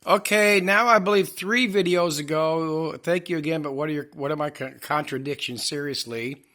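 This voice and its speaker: Bright tense voice, pissed-off vlogger rambling and cussing, lots of restarts. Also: mid-range voice, normal speed. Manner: profane, angry, rambling with many restarts. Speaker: channel host. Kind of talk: rambling commentary rant. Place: house, indoors.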